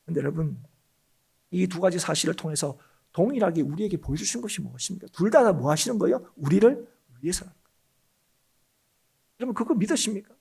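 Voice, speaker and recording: Fast, lively Korean pastor preaching. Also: male voice, sits high, vocal fry, slightly rough. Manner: emphatic, often addresses the congregation. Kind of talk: Korean church sermon. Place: church sanctuary.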